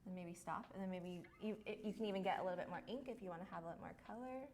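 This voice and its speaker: A woman's voice: lowish voice, very fast, a little mellow. A woman giving a casual hands-on art lesson, explaining each step in an encouraging way. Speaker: lettering art teacher.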